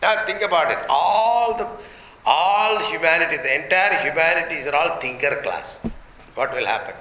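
A man's voice: a little high, animated, normal speed, sharp tone. A man with an Indian accent gives a spiritual discourse as a swami, explaining through rhetorical questions and humorous examples. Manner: switches between English and Hindi. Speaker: swami giving a spiritual teaching. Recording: roomy echoing hall, faint background noise.

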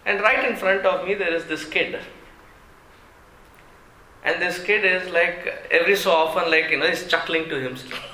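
A South Indian man speaks as an animated storyteller in a roomy, echoing space. His voice is fairly high and bright, and he sounds amused, leaving deliberate pauses as he goes. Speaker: speaker telling an anecdote to an audience. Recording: roomy echo, faint background noise.

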